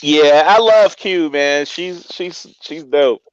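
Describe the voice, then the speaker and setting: A smooth male voice with an American accent, pitched a little high. He chats casually as a stream guest, over audio that is dry and somewhat dull. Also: slow, dry recording. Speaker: livestream guest. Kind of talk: casual chat.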